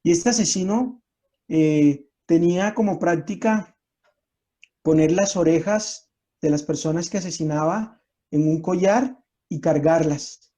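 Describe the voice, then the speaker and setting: Man telling a story on an online call, kinda high pitch, mellow tone, slow and reflective. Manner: measured, reflective, repetitive phrasing. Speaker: conference speaker. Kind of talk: storytelling talk on compassion. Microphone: online conference call.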